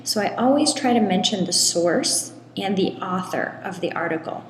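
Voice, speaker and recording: A woman giving a step-by-step screen tutorial in an echoey room with long reverb, talking in a relaxed way with frequent ums. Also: medium pitch, moderate pace, a little hiss or hum. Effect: echoey room with long hall-like reverb. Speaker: tutorial presenter.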